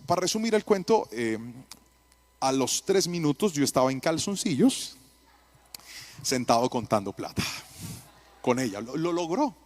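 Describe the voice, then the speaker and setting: A man delivering a sermon in a fairly high voice. His pitch leaps and dips all over as he tells his story, sliding from near-whispered asides into sudden loud bursts. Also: normal speed, long pauses. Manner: animated storytelling, swinging from hushed asides to loud exclamations. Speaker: preacher.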